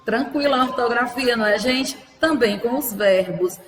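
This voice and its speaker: A woman's voice: fairly high pitch, moderate pace, reverberant, long reverb tail, soft background music. A woman teacher with a Brazilian Portuguese accent, giving a patient, didactic grammar lesson to children and asking rhetorical questions. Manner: affectionate, uses diminutives with pupils. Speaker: primary school teacher.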